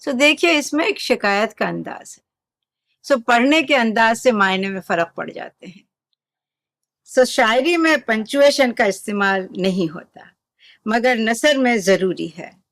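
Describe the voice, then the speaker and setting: Slow, patient woman teaching Urdu. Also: fairly high pitch, no echo, studio quality. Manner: calm, patient explaining with examples. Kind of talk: lesson.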